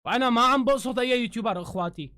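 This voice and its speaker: Heated Syrian man ranting, high voice. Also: racing, dry recording, clean studio sound. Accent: Syrian Arabic. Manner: heated, swears oaths, shouts in bursts. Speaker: live streamer. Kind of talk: angry live-stream rant. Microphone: phone camera.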